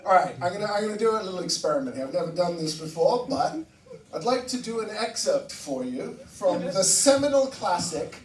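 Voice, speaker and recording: A man from Barbados doing a stand-up set, animated and swearing, with sudden loud outbursts. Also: sits high, brisk. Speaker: stand-up comedian. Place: comedy room with laughing audience. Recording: roomy echo, mic heard from a distance, noisy.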